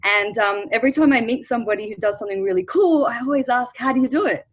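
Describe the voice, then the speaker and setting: A woman's voice: fairly high pitch, fast, slightly rough, poor audio. A woman from Australia, talking eagerly as a podcast guest over a video call. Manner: bubbly and enthusiastic. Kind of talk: casual interview.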